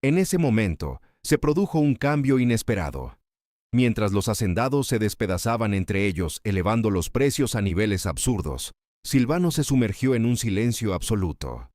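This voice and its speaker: A man's voice: fairly low pitch, big pitch swings, normal speed, a little mellow, no room sound, clean studio sound. A man narrating a scripted dramatic story in a solemn, literary storytelling manner.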